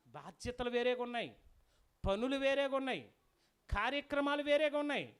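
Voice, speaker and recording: Guest preacher, sermon, folk tale, lively, quizzes the congregation. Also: mid-range voice, clear, resonant tone. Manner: lively, asks the audience questions.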